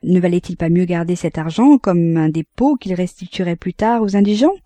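Woman reading an old novel aloud, mellow and steady, dry close sound. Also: on the low side, no echo. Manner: calm, measured and even. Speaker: audiobook reader. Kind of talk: literary audiobook narration.

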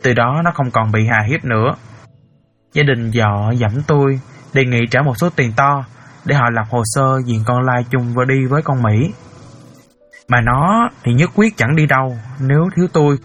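A man's voice: medium pitch, normal speed, a bit bright, soft background music, natural voice. An actor playing a middle-aged father who earnestly recounts a painful story. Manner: earnest storyteller, cries out in emotion. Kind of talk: audiobook character acting.

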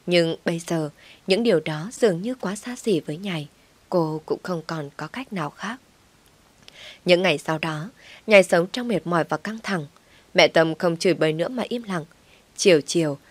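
A woman narrating an audiobook story in a steady, emotive reading. Her voice sits on the low side and the recording is close and dry. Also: no room sound.

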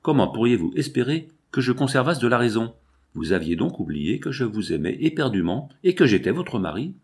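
A man's voice: mid-range voice, sing-song, brisk, darkish tone, breathy edge. A man reading an anguished jealous husband. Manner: impassioned reproachful questioning. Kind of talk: audiobook character reading.

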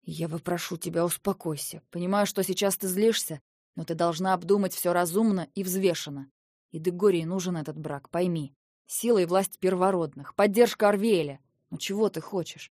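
A woman's voice: fairly low pitch, normal speed, darkish tone, no echo, studio quality. A woman reading the lines of a young prince who firmly reasons with and pleads with his sister in an audiobook. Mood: persuading. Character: young male prince, weary stern older brother.

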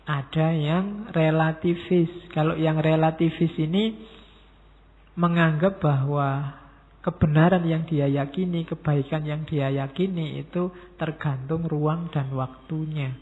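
A middle-aged man, giving a relaxed, joking philosophy lecture to students and slipping in words. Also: a little high, takes it slowly. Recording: tinny phone-like sound in a long-reverb hall.

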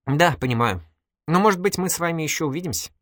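A man's voice: a little high, animated, quick pace, a bit bright, dry recording, studio quality, pitched above the performer's own voice. A man voicing a mischievous, giggly young woman in an audiobook, teasing and exclamatory. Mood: playful. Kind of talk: audiobook character voice.

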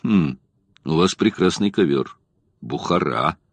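A man's voice: deep voice, animated, takes it slowly, husky, dry recording, pitched below the performer's own voice, exaggerated voice. A male narrator voicing a dry, businesslike older man, an aging spy boss who speaks curtly. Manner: dry, curt.

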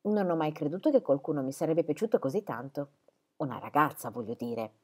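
A woman voicing a witty, teasing young woman in an audiobook reading, playful and quick-witted. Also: low-pitched, animated. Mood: warm.

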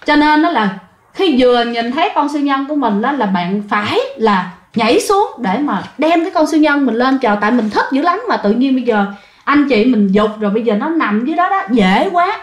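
The ghost story comes from a woman whose voice sits high, animated and fairly quick. She addresses her listeners directly and conversationally, in a roomy, echoey recording.

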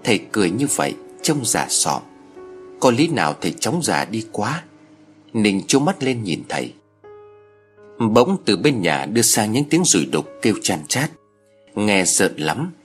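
A man narrating stories aloud in a measured, expressive way. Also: fairly low pitch, soft background music. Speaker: story narrator. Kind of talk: scripted audiobook narration.

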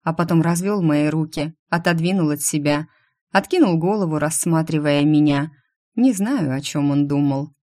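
Low-voiced woman reading a romance audiobook. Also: normal speed, warm tone. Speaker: audiobook narrator. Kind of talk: first-person audiobook narration.

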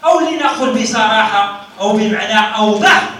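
A man's voice: high voice, brisk, bright, forceful tone. A man with a Moroccan accent giving a university grammar lecture, often questioning the students, repeating key terms and stammering over restarts. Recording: roomy echo, mic far off.

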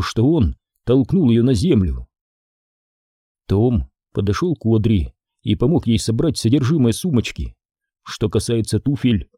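Male audiobook narrator, steady measured reading, dark husky voice, lively pitch, dry close sound. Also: no echo. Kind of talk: scripted narration.

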